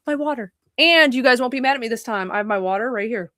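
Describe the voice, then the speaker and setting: A woman's voice: on the high side, quick pace, background noise. A young woman streaming from home, chatting casually in a rambling, profane way, often cutting herself off and apologizing mid-thought. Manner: rambling, profane, self-interrupting, apologetic asides. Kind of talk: casual livestream chat.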